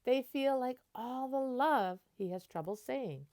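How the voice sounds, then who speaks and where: Reading a children's picture book aloud the way a teacher would, a woman performs it expressively and stops to explain words in simple terms. Her voice is high and animated, with a somewhat dark tone.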